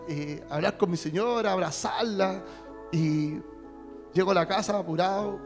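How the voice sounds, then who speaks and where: Emotional Chilean preacher in a reverberant church. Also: male voice, high voice. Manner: emotional, repetitive, addresses listeners as brother. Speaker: minister. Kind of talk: testimony sermon. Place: church hall. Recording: long church reverb with music behind.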